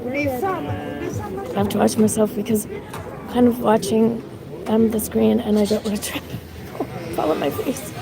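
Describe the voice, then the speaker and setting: Walking outdoors on a city street, this Canadian livestreamer with a mixed Canadian-Irish accent shivers from the cold while giving casual commentary. Her voice sits on the high side, slow and fried, with long pauses and music playing in the background. Between meandering, filler-packed comments she thanks her viewers, and a crowd can be heard in the street recording.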